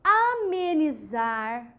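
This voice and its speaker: High-voiced Brazilian woman teaching a lively lesson. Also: extremely slow. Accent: Brazilian Portuguese. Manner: lively, chatty, acts out quoted examples in changing voices. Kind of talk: recorded online grammar lesson.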